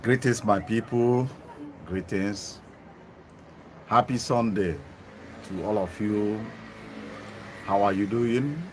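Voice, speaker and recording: Outdoors in Germany, a man hosting an online TV livestream speaks into a phone with an earphone mic in a low, slightly mellow voice. He takes it slowly with frequent pauses, rambling through many ums and restarts, on a rough recording with slight background noise.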